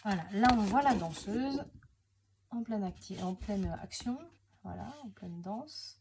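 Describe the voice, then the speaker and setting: A woman's voice: mid-range voice, a little slow, crowd noise. Chatty woman unboxing craft supplies. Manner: chatty and hesitant, many fillers and self-corrections. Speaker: scrapbooking crafter presenting her channel. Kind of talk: casual unboxing chat to camera.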